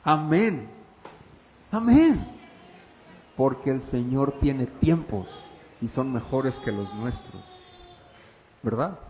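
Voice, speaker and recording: Pastor preaching in a reverberant hall. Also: male voice, medium pitch, takes it slowly, a little hiss or hum. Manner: questions the congregation, swings from loud to hushed. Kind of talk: sermon. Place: church.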